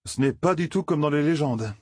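A man's voice: mid-range voice, animated, fast talker, darkish tone, husky, no echo, clean studio sound, pitched above the performer's own voice. A man voicing a nervous, sarcastic young village man in a storybook reading. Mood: jittery.

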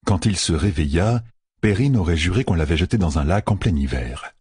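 A male audiobook narrator with a very low, husky and breathy voice. He reads in steady scripted narration. The sound is dry and close, with no room around it. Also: brisk, no echo.

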